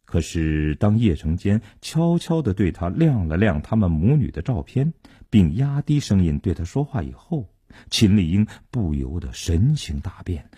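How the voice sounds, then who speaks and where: A male storyteller with a low, warm, husky voice who swings his pitch widely for drama. His narration sounds close and dry, with no room echo. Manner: dramatic, widely varied delivery.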